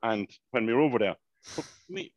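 A man, telling a long, animated story in casual podcast chat and swearing freely. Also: medium pitch, normal speed, no echo, highs cut off. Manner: animated, swears freely, repeats "mayhem" and "unbelievable". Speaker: podcast co-host.

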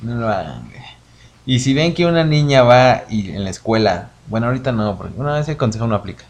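Lively, joking Mexican man on a podcast. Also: medium pitch, quick pace. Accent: Mexican Spanish. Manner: crude joking, laughs a lot. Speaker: podcast co-host. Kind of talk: casual podcast chat.

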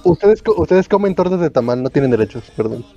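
Player: man, Aguascalientes accent, fast, dark tone, faint music. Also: on the high side, animated, muffled recording. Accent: Aguascalientes Mexican Spanish. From Aguascalientes, Mexico. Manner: bantering, quick quips. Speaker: tabletop game player. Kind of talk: casual chat on a voice call.

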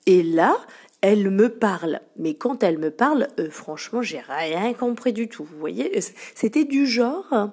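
A woman podcaster recounts comic run-ins with shop customers in a chatty, playful monologue packed with fillers. Her voice sits in a middle pitch, with a husky grain and frequent creak. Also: expressive, a little slow, darkish tone.

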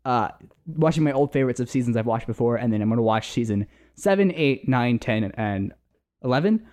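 Fast, rambling casual talker, mid-pitched and enthusiastic. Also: lively intonation, a little mellow. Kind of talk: casual chat.

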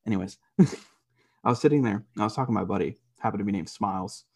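A young man on a podcast tells a rambling story in casual chat, with lots of swearing and quick laughs. His voice sits fairly low and comes out husky, and he rushes through his sentences. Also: darkish tone. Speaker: podcast co-host.

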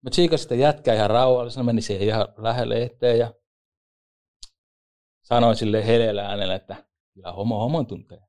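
A man, an ice hockey referee and former league player, telling lively joking anecdotes in a casual interview. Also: mid-range voice, pauses often, clean tone.

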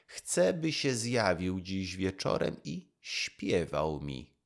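A man's voice: low-pitched, very animated, slow, creaky, full character voice. A man voicing a proud, vain old emperor who gives orders in a demanding way. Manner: imperious, demanding.

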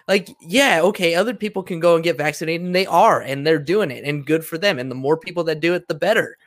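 A man's voice: a little high, fast, a bit bright. A man in a casual debate, talking earnestly and persuasively with many fillers. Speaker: conversation partner.

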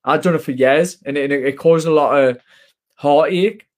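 A man's voice: on the high side, moderate pace. A young British man chatting casually in a blokey, emphatic, sweary way. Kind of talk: casual chat.

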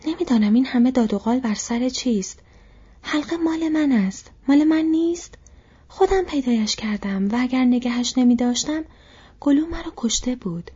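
A shrill, insistent old male hobbit who clings to what he owns, performed by a woman reading a storybook aloud. His voice is mellow underneath and breathy, thrown up high whenever he presses his claim. The storybook recording sounds dull and lo-fi. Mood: angry, possessive.

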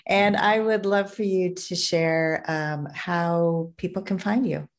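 A woman's voice: on the low side, steady tone, takes it slowly. A woman hosting a podcast, thanking her guests and closing the show with a bit of laughter. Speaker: podcast host. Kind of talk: podcast interview.

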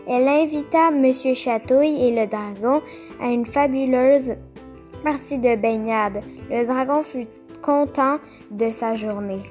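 A woman reading a children's picture book aloud, slow and careful, stopping to explain the pictures. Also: sits high, a little mellow, faint music behind. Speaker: storyteller.

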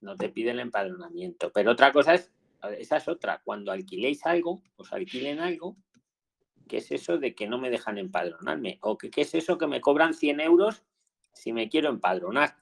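A man's voice: mid-range voice, lively intonation, fairly quick. A man with a Spain Spanish accent, hosting a live call-in Q&A and giving advice in a chatty way, often repeating himself for emphasis. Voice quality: gravelly. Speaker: asylum advice host.

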